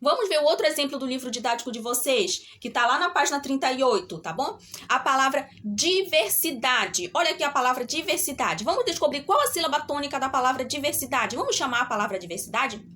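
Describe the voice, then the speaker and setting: Brazilian woman, middle-aged, primary teacher on a remote lesson, high bright voice, slow and patient. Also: expressive, slight background noise. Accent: Brazilian Portuguese. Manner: slow, drawn-out syllables with a repeated "tá bom?" check.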